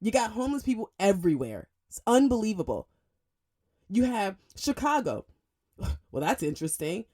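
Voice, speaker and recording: A woman hosting a radio talk show, delivering an emphatic, opinionated monologue in a studio, speeding up in bursts and jumping up in pitch for emphasis. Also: slightly rough. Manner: emphatic, lively, fast bursts and sudden pitch jumps.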